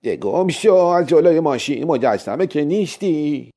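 A man's voice: on the high side, lively intonation, warm tone, pitched above the performer's own voice. A man voicing a rude, made-up old woman at the wheel of a car, snapping at a boy. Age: older.

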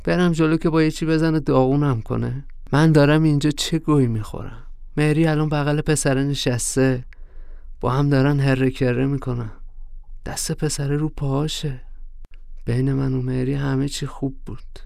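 Audio story: a man voicing a scheming, jealous young man, gravelly and pushed higher than his own voice. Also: fairly even intonation, darkish tone, no room sound, clean studio sound. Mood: bitter. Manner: urgent, wheedling, then bitter inner muttering. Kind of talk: audio drama reading.

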